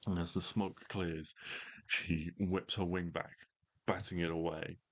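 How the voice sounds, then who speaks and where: A man with a deep voice acts as game master for a tabletop game. He tells the story slowly and theatrically, giving measured dramatic narration. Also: little pitch movement, a bit bright.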